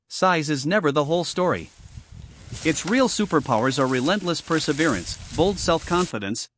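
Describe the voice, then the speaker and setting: A man's voice: on the high side, fairly bright tone, a little hiss or hum. A man reading scripted nature documentary narration in a dramatic, grandiose storytelling manner.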